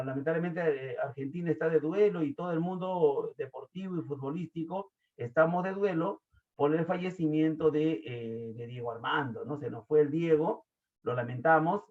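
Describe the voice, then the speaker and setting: A man from Lima gives an online lesson with a Lima accent, his voice sitting a touch high. He keeps the class involved with questions and plenty of fillers. The sound is thin and tinny, like it comes over a phone. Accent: Lima Peruvian Spanish. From Peru. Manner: chatty, asks the class questions, many fillers. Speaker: teacher.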